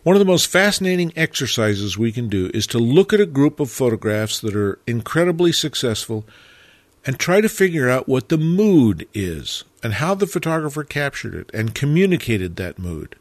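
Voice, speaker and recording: A man narrating a photography lesson in a measured, reflective way, stressing key words. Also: medium pitch, sing-song, dry recording. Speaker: photography teacher. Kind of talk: scripted narration.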